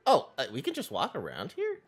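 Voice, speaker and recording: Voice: mid-range voice, huge pitch swings, a little fast. A game live streamer chatting casually in a bubbly, cutesy, playful way. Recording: faint music behind. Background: faint game music.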